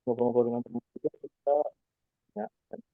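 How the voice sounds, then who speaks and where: A man's voice: mid-range voice, animated, creaky, no echo. Man on a choppy, breaking-up call. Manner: halting, broken-off phrases. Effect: choppy breaking-up audio over a bad internet connection. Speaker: presenter at an online university meeting. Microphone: video call. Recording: tinny, dry, cutting-out online call.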